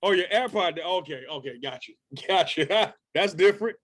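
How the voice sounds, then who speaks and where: A man's voice: high voice, animated, normal speed, fairly bright tone, no echo. Upbeat chatty man hosting an interview. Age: 30s. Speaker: interview host. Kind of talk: casual interview.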